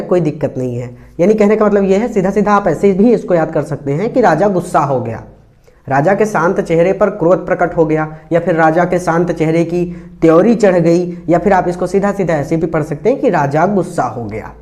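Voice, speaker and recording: A man teaching an English lesson, explaining each phrase slowly and repeating it in several ways. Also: high-pitched, a little mellow. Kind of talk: line-by-line Hindi explanation of an English text.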